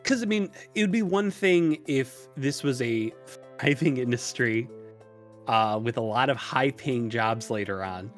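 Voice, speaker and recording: This podcast guest, who has a tutorial channel, talks through ideas loosely and hesitantly in a relaxed interview. His mid-range voice is a little slow, and background music runs under the recording.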